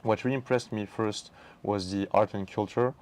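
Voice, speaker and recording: Moroccan-raised male guest, lowish pitch, friendly and methodical. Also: steady tone, normal speed, darkish tone. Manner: friendly, lists points, frequent "like". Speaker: embassy education officer, guest. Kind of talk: talk show interview.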